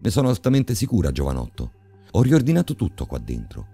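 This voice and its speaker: A man's voice: low-pitched, huge pitch swings, brisk, dark tone, husky, faint music behind, exaggerated voice. A man voicing an irritable middle-aged woman librarian in a horror audiobook, curt and scolding. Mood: cold.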